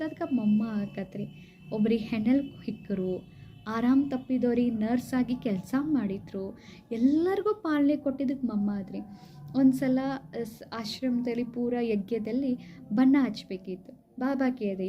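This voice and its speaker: A woman giving a devotional talk, retelling stories conversationally and addressing listeners warmly with frequent polite asides. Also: a little high. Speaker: spiritual speaker. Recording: slightly dull recording with faint background hiss.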